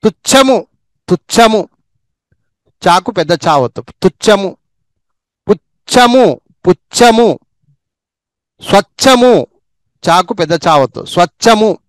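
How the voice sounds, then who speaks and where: Slow, high-voiced man drilling word sounds. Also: animated, dry recording. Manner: says each word slowly two or three times, with quick asides on how to practise. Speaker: Telugu reading teacher. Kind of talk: slow spelling and pronunciation drill.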